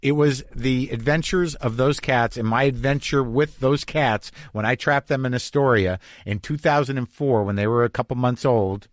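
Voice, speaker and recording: A man's voice: medium pitch, normal speed, hardly any pauses, no echo. A middle-aged man hosting a podcast, telling a personal story in a rambling, confessional way. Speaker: podcast host. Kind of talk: casual monologue. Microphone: podcast microphone.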